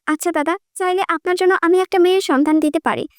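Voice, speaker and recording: A mischievous young woman teases her family in an audiobook story, voiced by a woman reader. Her voice is very high and the sound is close and dry. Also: steady tone, fast talker, dry recording. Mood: mocking. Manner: mocking, cheeky.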